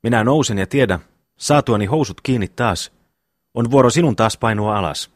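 A man's voice: mid-range voice, no echo, studio quality, close to an everyday voice. Juhani, a man reading a blustering hot-tempered young brother.

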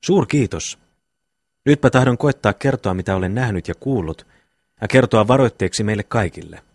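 A man's voice: fairly low pitch, expressive, darkish tone, dry recording, studio quality. A man voicing a dazed young man who speaks solemnly and ominously after a fright. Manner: solemn, prophetic talk.

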